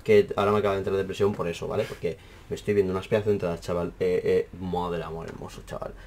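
A young man with a Spain Spanish accent, casually explaining a camera problem in an animated, exaggerated way, full of fillers and swearing. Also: low voice, very fast, a little hiss or hum. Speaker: math teacher and YouTuber. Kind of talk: casual rambling tech explainer.

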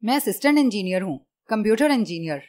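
A woman's voice: mid-range voice, lively intonation, fast talker, a little mellow, close to an everyday voice. A woman voicing a frightened middle-aged male lab engineer in an audiobook, stammering and pleading with his captor. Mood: nervous.

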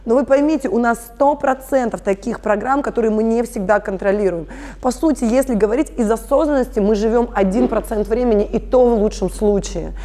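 A woman's voice: fairly high pitch, a little fast, mellow. A woman in her thirties, a family constellations facilitator, explaining her work earnestly in an interview. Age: 30s. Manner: earnest, explanatory, addresses listeners directly. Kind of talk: conversational interview.

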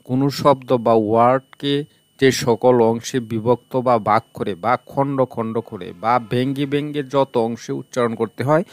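A man's voice: medium pitch, no room sound. Man teaching English in a dry room. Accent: Bangladeshi. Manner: explains slowly, repeats terms in two languages, breaks words into syllables. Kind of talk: online tutorial lesson.

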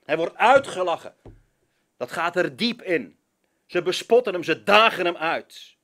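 Pastor from preaching, slow and lively, hits every word hard. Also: male voice, high-pitched. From Zeeland, Netherlands. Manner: switches between Dutch, English and French, emphatic preaching. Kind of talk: sermon.

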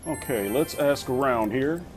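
A man's voice: mid-range voice, a little slow, soft background music. Rambling slangy young man gaming. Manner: rambling, slangy, keeps saying bro. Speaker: gaming video host. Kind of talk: casual let's-play commentary.

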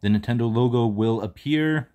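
A man hosting a casual tech tutorial, calmly walking viewers through each step while filming indoors on a handheld phone. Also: medium pitch, moderate pace. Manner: relaxed step-by-step instructions. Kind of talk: casual how-to walkthrough. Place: indoors, filming over a bed.

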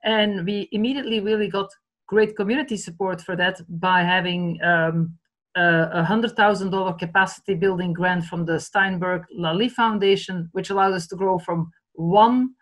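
A woman's voice: lowish voice, fairly even intonation, normal speed, low-quality recording. A woman in her fifties from Belgium with a Flemish Dutch accent, a native Dutch speaker, talking earnestly on a video call from a home study. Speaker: charity director. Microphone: laptop webcam video call.

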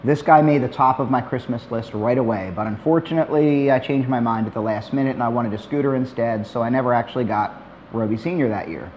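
Middle-aged male tutorial host, mid-pitched, easygoing and plainspoken, faint noise behind. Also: fast talker. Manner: relaxed, plainspoken, dry asides. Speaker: maker demonstrating a robot build. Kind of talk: tutorial narration.

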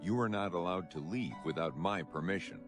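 An actor playing a controlling, menacing emperor in a romance game, with a deep voice. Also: male voice, a little fast, faint music behind, close to an everyday voice. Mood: cold, possessive.

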